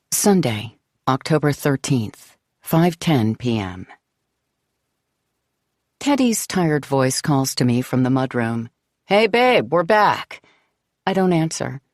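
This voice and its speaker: A woman's voice: low-pitched, a little mellow, dry recording. A woman narrating a novel in the first person, composed and wry, close to the mic. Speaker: audiobook narrator.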